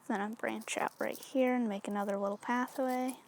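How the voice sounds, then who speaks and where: A woman's voice: fairly high pitch, fairly even intonation, moderate pace. A woman casually talking through a hands-on craft demonstration, chatty and easygoing, with lots of little fillers. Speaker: craft tutorial host.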